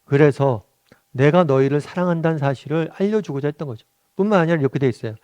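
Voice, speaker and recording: A man, the pastor, giving a morning devotional sermon. He talks in a conversational way, keeps asking the listeners questions and answering them, and slows down when he quotes Scripture or acts out what people say. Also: fairly high pitch, a little mellow, clear, resonant tone, no echo. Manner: slows down to act out quoted lines.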